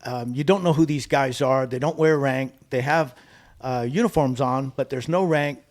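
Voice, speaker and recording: An easygoing man starting a story in plain, casual podcast talk, with a middle-pitched voice and the odd filler. He is a veteran pilot guest. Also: normal speed. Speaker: special ops pilot guest.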